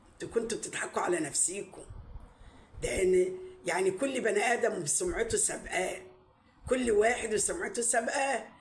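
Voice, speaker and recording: A woman's voice: a little high, roomy sound, a little hiss or hum. Scolding Egyptian woman ranting. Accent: Egyptian Arabic. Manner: scolding, indignant, full of rhetorical questions. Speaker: YouTube commentator. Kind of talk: ranting commentary to camera.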